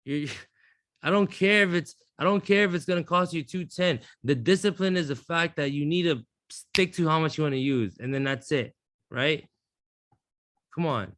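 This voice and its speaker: A man's voice: fairly high pitch, fairly bright tone, no echo, clean studio sound. Profane, blunt male trading teacher. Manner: blunt, profane, rambling restarts. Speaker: trading instructor. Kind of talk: live class teaching.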